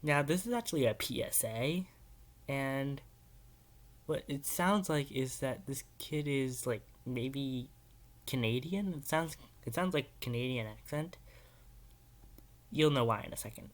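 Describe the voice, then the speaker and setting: A man's voice: medium pitch, measured pace. A man hosting a casual video reaction, rambling and hesitant, with many filler words. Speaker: YouTube reaction host.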